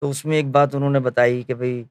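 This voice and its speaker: A man retelling his memories of a spiritual leader as a spoken story, acting out the quoted conversations, often pausing on filler phrases and correcting himself. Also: medium pitch, level tone, smooth, no echo.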